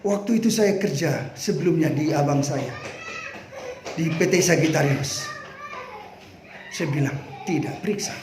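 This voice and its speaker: Animated preacher man, lively high voice. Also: unhurried, long pauses, noisy background. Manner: animated, emphatic, bursts of shouting. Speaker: pastor. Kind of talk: sermon. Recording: echoey room with faint ambience.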